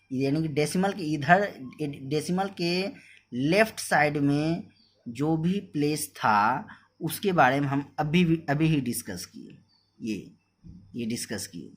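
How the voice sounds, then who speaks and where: A man teaching a maths lesson, explaining step by step, repeating points and reading numbers out slowly. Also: on the high side. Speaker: math teacher. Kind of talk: whiteboard lesson.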